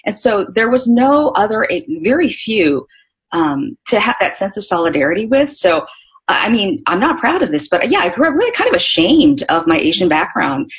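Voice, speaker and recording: Chatty and full of fillers, this middle-aged Northern Californian woman shares stories as a podcast guest in a relaxed interview. She speaks at normal speed in a mid-range voice with big pitch swings, recorded in dull lo-fi sound.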